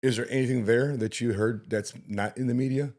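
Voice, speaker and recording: A podcast host who grew up in Chicago conducts a casual interview, his medium-pitched, darkish voice fairly even and brisk. He stammers through many restarts as he asks questions and laughs often.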